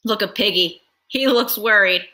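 A woman's voice: mid-range voice, normal speed, sharp tone. A young woman teacher reading a picture book aloud in a patient, step-by-step lesson, sounding out words.

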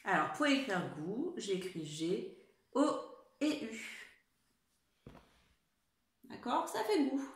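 A woman teaching a spelling lesson to young children at home, dictating slowly and carefully and encouraging them. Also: fairly high pitch, sing-song. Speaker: primary school teacher. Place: room at home. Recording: echoey room.

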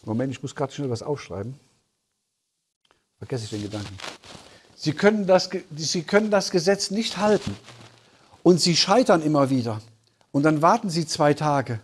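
A man's voice: fairly high pitch, very animated, normal speed, long pauses, slight background noise. A man preaching a sermon as a Bible teacher, earnest and explanatory, often checking in with his listeners. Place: conference hall.

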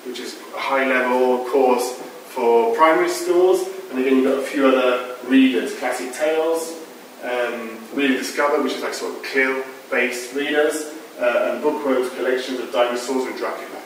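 A middle-aged conference presenter gives an informal talk with audience questions in a large lecture hall, explaining things with frequent fillers. His mid-range voice moves at normal speed. He isn't using a microphone, so a far room mic captures him, and the echoey hall recording carries a little hiss or hum.

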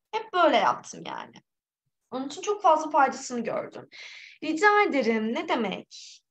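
A woman from Turkey teaching a live online English exam-prep lesson, lively and encouraging, with a slightly hoarse voice. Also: sits high, poor audio. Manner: lively, encouraging, reads out student names.

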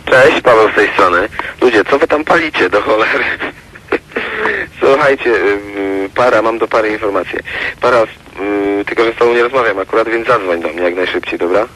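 A man with a fairly low voice leaves a casual voicemail, heard played back from an answering machine. A faint hiss sits under the message. He hesitates with fillers, then hurries and presses for a quick call back. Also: sharp tone, poor audio. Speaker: caller leaving a voicemail. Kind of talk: casual message among friends.

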